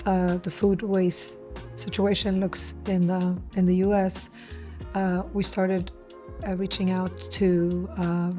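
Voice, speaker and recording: A middle-aged woman born in Eritrea, raised in Sweden, and based in Stockholm speaks in a low, mellow voice. As the founder of a community food nonprofit, she's being interviewed and explains her work earnestly and reflectively.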